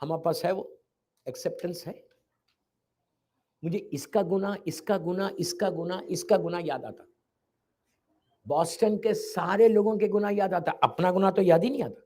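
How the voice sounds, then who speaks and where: A man preaching an emotional sermon, moving between hushed storytelling and loud, impassioned appeals to his listeners. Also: high voice, pauses often.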